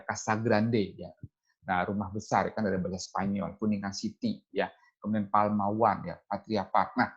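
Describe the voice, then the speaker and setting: The audio is dull, and the man's mid-range voice has a darkish tone. Lecturing over slides, he explains step by step and keeps tossing "ya" and "nah" between his phrases.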